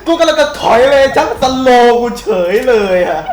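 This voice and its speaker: A man's voice: very high voice, lively intonation, moderate pace, a crowd in the background. A man chatting casually and crudely with friends while gaming, swearing freely. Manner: crude, profane. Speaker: gamer playing with friends. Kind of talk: casual game chat. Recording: echoey voice over loud game audio. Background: loud music and game sounds.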